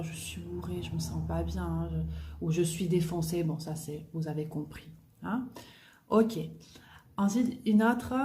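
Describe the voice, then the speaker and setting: A woman teaching French slang to Spanish speakers in a relaxed, casual way. She repeats examples slowly, adds "hein" often and laughs softly. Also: lowish voice.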